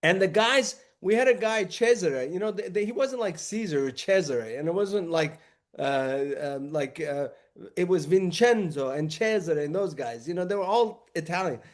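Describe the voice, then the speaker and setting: A man's voice: sits high, lively intonation, normal speed. A man from New York as a podcast guest, chatting casually and telling anecdotes.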